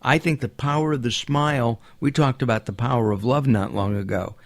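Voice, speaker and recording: A man's voice: medium pitch, steady tone, brisk. Chatty male radio talk show host. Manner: chatty, with frequent fillers and restarts.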